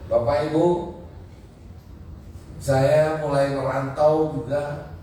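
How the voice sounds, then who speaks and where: A man's voice: on the high side, little pitch movement, slow, dark tone, a little hiss or hum. A middle-aged Indonesian man sharing his life story in a chatty, joking way as a guest speaker at a mosque gathering. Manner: chatty, jokes with the audience, drops into local dialects. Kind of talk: casual storytelling talk. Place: mosque hall. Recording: very echoey hall, from far off.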